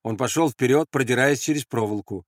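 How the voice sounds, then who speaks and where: A man reading a war novel aloud as narrator in a steady storytelling manner. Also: medium pitch, brisk, no echo, clean studio sound. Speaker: audiobook narrator. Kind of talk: scripted narration.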